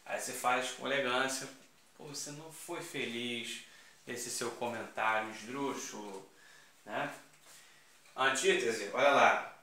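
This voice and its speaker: Echoey, bright-voiced Rio teacher. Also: male voice, medium pitch. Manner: informal, slangy, emphatic with rhetorical asides. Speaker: Portuguese teacher. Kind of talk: exam-prep lecture. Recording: very echoey classroom.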